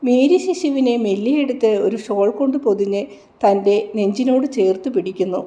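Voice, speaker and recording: A woman narrating a devotional story aloud in a slow, reverent manner. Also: mid-range voice, warm tone.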